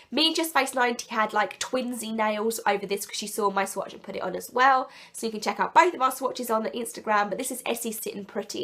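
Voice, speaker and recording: Sounding sick, croaky and congested, a woman enthusiastically reviews nail polish in a relaxed vlog, wandering off on small tangents. Her voice is a little high and a bit bright.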